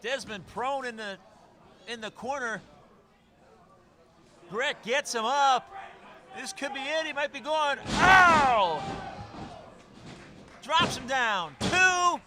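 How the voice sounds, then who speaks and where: Male wrestling commentator, very high-pitched, excitable play-by-play over crowd noise. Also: slow, pauses often. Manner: excitable, exclamatory calls. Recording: loud event crowd and music behind. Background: crowd and music.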